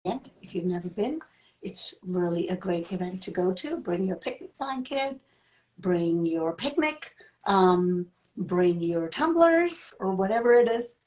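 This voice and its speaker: A woman's voice: lowish voice, expressive, takes it slowly, darkish tone, low-quality recording. A woman co-hosting a casual live-streamed chat, talking in a chatty way with restarts and laughter. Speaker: co-host of a live talk show. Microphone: phone.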